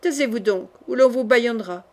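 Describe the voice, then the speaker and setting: A stern presiding judge who hands out short, commanding orders and questions, as a woman reader voices him. Her voice stays fairly high throughout. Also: fast talker, lightly acted. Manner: commanding, curt. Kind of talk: audiobook character reading.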